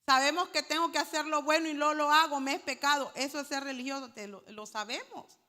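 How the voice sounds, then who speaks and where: Woman preaching with bright, echoing voice. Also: sits high, fairly even intonation, fairly quick. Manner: addresses congregation as brothers, teaching Hebrew words. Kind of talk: sermon. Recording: hall reverb.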